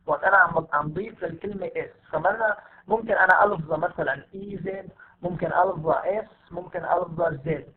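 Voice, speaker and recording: A man with a Levantine Arabic accent teaching an English lesson, patiently repeating example words slowly for his students. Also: sits high. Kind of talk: online lesson. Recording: tinny phone-like audio.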